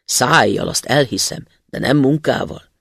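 A man's voice: mid-range voice, animated, gravelly, a bit bright, breathy edge, no echo, studio quality, exaggerated voice. A man voicing a grumpy old woodcutter who scolds and grumbles. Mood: scolding. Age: older.

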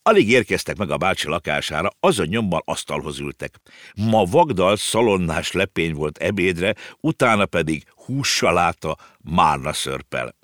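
A man narrating a children's novel as an audiobook, with lively, expressive storytelling. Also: deep voice, no echo, studio quality.

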